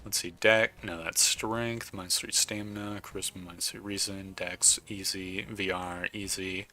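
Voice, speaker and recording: A man's voice: low-pitched, flat delivery, measured pace, sharp tone. A man casually commenting while playing a video game, chatting and reading the game's text aloud. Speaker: gaming YouTuber. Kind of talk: casual let's play commentary.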